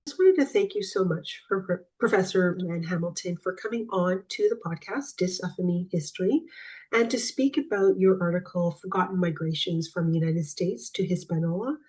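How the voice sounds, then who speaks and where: A woman's voice: fairly low pitch, brisk, darkish tone, husky. A woman hosting an interview podcast, with hesitant, thankful phrasing. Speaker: podcast host.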